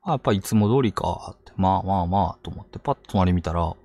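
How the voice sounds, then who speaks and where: A man narrating ghost stories on a live stream, dramatic, with hushed lows and sudden outbursts. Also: fast talker, no echo, studio quality. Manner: dramatic telling, hushed low asides rising to sudden outbursts. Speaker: ghost story teller.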